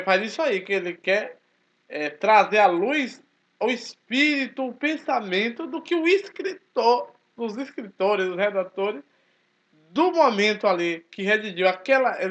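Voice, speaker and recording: A man, talking casually to his channel in a forceful, emphatic way. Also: high-pitched, unhurried. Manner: speaks forcefully, animated and emphatic. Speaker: channel host, Baptist churchgoer. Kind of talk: casual spoken commentary. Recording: dull lo-fi recording.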